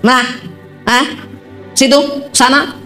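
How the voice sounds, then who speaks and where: Animated woman pastor telling stories. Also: high voice, slow pace, faint music behind. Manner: animated, humorous, addresses the congregation. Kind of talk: sermon with storytelling.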